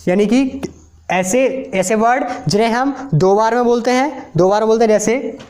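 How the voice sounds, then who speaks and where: A male teacher slowly explains a lesson, repeating words one at a time as he writes. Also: sits high, a little mellow. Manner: slow, repetitive, drills words one at a time. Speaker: English teacher. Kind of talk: explaining a lesson while writing on a board.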